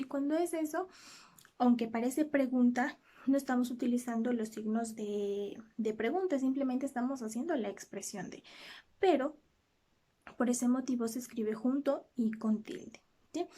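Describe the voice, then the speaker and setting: A woman teacher explains a lesson step by step, pausing now and then to check her students are following. Her voice is slightly high and mellow in tone. She sounds like a patient classroom guide.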